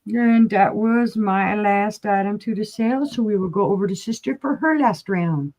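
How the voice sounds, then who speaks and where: A woman's voice: mid-range voice, normal speed, a little mellow. A woman hosting a live-stream vintage glass auction, chatting casually and describing each piece with asides. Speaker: online glass auction host.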